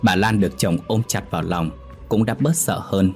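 A man narrating a scripted ghost story in a steady, measured way. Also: low-pitched, faint music behind.

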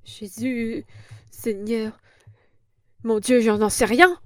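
Woman doing a shrill, whining old hag, high and loud, dry studio read. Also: fairly even intonation, takes it slowly, no room sound. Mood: whining, frightened. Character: old vulgar female innkeeper, whining and scared.

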